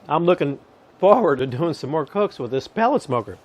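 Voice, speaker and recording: A man's voice: a little high, fairly quick. A man hosting a cooking vlog outdoors by his grill, chatting casually to viewers as he checks and tastes his food. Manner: relaxed, chatty, talks to viewers while tasting. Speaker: cooking channel host.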